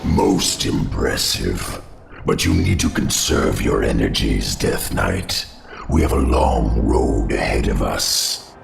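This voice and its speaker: Cavernous, gravelly undead insect lord. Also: male voice, very deep voice, lively intonation, exaggerated voice. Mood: grave counsel. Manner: formal, measured, courteous. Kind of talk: fantasy game voice acting. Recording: echoing voice with noise behind.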